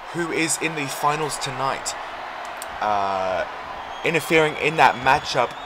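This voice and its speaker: A man doing casual play-by-play commentary over a wrestling video game, rambling between moves and shouting when big moves land. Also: medium pitch, noisy background. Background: game music.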